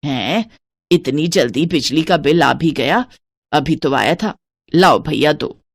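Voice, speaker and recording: A woman's voice: sits low, takes it slowly, no echo, studio quality, pitched below the performer's own voice, heavily acted. A woman voicing a stingy, scheming middle-aged mother-in-law who scolds and counts every penny. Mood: bossy.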